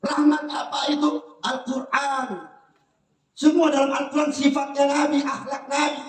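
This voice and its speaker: Male preacher, high voice, fervent sermon delivery with rhetorical questions, heard from off-mic in a roomy hall. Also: normal speed. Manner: rhetorical questioning, addresses the audience directly; animated, shifts between shouting and soft storytelling. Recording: echoey hall, voice from a distance.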